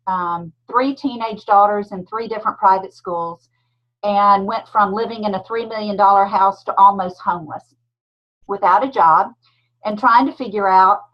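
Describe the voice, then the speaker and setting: A woman in her fifties with a thick Southern Georgia accent, telling her story as a guest speaker on a video call. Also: medium pitch. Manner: warm storytelling with a thick drawl. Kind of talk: casual talk on a video call. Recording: dull lo-fi call audio.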